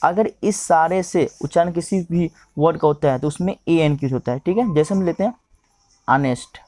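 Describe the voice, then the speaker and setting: A man teaching English grammar, who keeps pausing to ask himself questions and checking in with his listeners. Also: a little high, dark tone, dry recording. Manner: repeats "okay" and asks himself questions.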